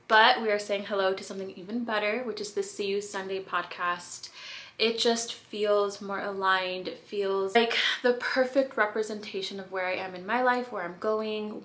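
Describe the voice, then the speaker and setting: A woman's voice: mid-range voice, pushed and bright. A young woman and podcast host talking to camera in a casual, candid chat, slightly out of breath and full of "like"s. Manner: chatty, candid, filler-heavy with frequent "like".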